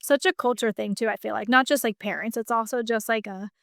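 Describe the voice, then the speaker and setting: A woman's voice: fairly high pitch, steady tone, fast talker, gravelly, a bit bright, no echo, clean studio sound. A woman business coach talking in a casual podcast conversation, chatty and full of "like" fillers. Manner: chatty, heavy use of "like" fillers.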